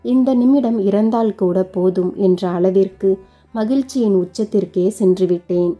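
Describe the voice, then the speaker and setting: A woman telling a first-person short story in a steady, emotive manner. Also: medium pitch, normal speed, breathy edge, highs cut off. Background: faint background music.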